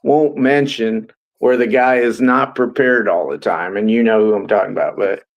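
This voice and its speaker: A man's voice: fairly low pitch, moderate pace, muffled recording. A man co-hosting a casual sports podcast over an online call, folksy and rambling. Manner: rambling, folksy, restarts often. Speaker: podcast co-host.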